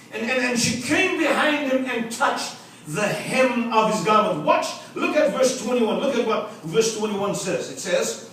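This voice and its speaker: An Afrikaans-speaking visiting preacher gives a revival sermon in English in a church sanctuary, his extremely high voice making big pitch swings at an unhurried pace with a fairly bright tone. He uses rhythmic repetition that builds to emphatic calls and jokes with the congregation. The audio is echoey and distant, with a little hiss or hum.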